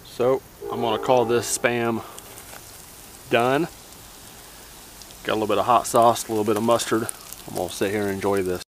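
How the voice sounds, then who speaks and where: A man casually narrating his camp cooking outdoors in the woods, relaxed and plain-spoken, giving practical tips. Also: fairly low pitch, moderate pace, long pauses, a little hiss or hum. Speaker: outdoors vlogger.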